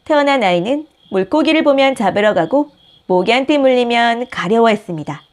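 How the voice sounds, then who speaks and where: A woman who hosts a channel reads a children's picture book aloud, telling the story gently and expressively. Her somewhat high voice moves lively through each sentence at a fairly quick pace.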